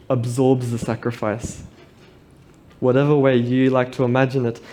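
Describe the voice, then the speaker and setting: A man's voice: medium pitch, a little mellow. Man preaching at a pulpit microphone. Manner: reads scripture aloud and reflects on it. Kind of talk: sermon.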